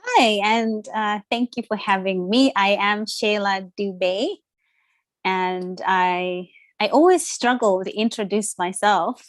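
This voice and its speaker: A woman's voice: medium pitch, dry recording. A woman, a Ndebele speaker, talking as an interview guest in a reflective, hesitant way. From Zimbabwe. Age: 30s. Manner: reflective, hesitant with many fillers. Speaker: guest, social worker. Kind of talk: conversational interview.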